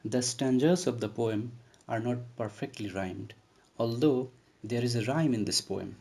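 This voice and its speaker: A man's voice: mid-range voice, unhurried, gravelly, darkish tone. A man giving a recorded literature lesson on a poem, explaining terms step by step in a methodical way. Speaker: literature lecturer. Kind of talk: recorded poetry lecture.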